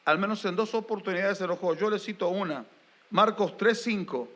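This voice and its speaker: Animated high-voiced preacher man. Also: a little fast. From Argentina. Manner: animated preaching with rising emphatic questions; jokes with the congregation. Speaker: pastor. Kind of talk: sermon.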